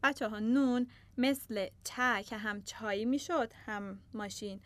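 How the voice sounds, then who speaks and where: A young woman teaching a beginner language lesson, patiently repeating words slowly for her learners. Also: fairly high pitch.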